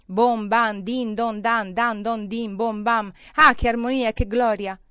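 Woman playing an elderly man giddy with joy, raised and excited voice, loud exclamations, dry close sound, audiobook character. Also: mid-range voice, brisk, no echo, close to an everyday voice. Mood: overjoyed. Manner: exclaiming, breathless, laughing and crying at once.

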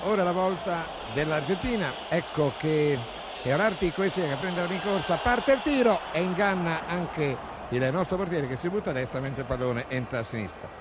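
A man with an Italian accent giving live football play-by-play, with excited goal commentary that surges at shots. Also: on the high side, moderate pace, crowd noise. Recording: noisy outdoor stadium recording.

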